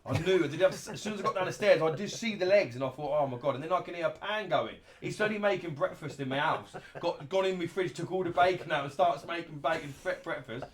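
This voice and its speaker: A man's voice: a little high, fast talker, few pauses. A man telling casual anecdotes as a show host. He is blunt and sweary and laughs through his stories.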